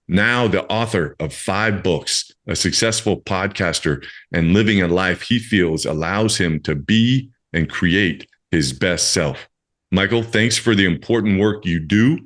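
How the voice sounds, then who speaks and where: This man's deep voice has a fairly bright tone as he hosts his podcast with effusive encouragement. He moves from scripted intro material into casual conversation and speaks straight to the audience.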